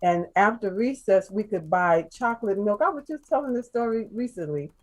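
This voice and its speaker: Telling her life story in a relaxed conversation, this Chicago guest sounds animated yet soft-spoken, with a medium pitch. She halts frequently, leaning on fillers and starting sentences over.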